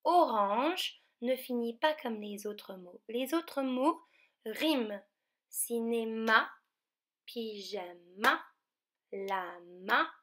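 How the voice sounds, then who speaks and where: A woman teacher from France giving a remote lesson to young children, speaking slowly and carefully and stretching out each word. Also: fairly high pitch, animated. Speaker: primary school teacher.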